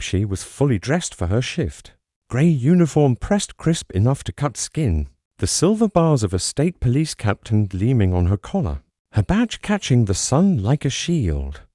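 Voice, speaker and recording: A man's voice: medium pitch, dark tone, no room sound, clean studio sound. A man reading a scripted first-person story aloud in a dramatic, suspenseful storytelling manner. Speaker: narrator.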